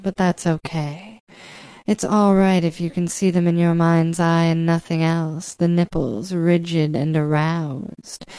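A woman's voice: lowish voice, warm tone, clear, resonant tone, dry recording, rough recording. A woman speaking intimately, right in the listener's ear, in a coaxing, commanding and teasing hypnotic narration for adults. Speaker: hypnosis audio performer.

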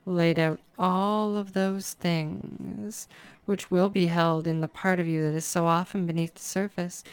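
A woman guides a listener into trance as a hypnotist, her phrasing soft, slow and drawn out. Her voice sits a little low and sounds smooth and resonant. The recording is dry and close, with no room around her. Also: no room sound.

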